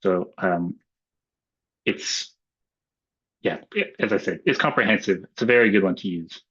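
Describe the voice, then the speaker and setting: An Australian man gives a webinar talk over a video call mic, his voice sitting fairly low. He speaks casually and loosely, filling pauses with ums and uhs. The audio is dull and lo-fi. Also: fairly bright tone, breathy edge. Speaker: webinar presenter. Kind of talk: relaxed webinar talk with slides.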